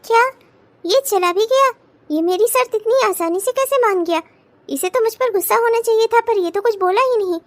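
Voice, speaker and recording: A woman's voice: extremely high pitch, moderate pace. A woman voicing a headstrong young bride in a cartoon, speaking bluntly and defiantly. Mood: puzzled. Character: headstrong young bride refusing her new marriage. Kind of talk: cartoon voice acting.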